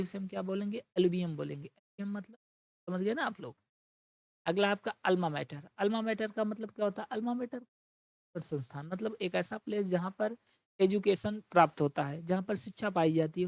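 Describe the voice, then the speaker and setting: A woman teaches an exam-prep vocabulary lesson. She explains patiently, keeps asking rhetorical questions and reads English definitions slowly, word by word. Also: medium pitch, creaky, no room sound.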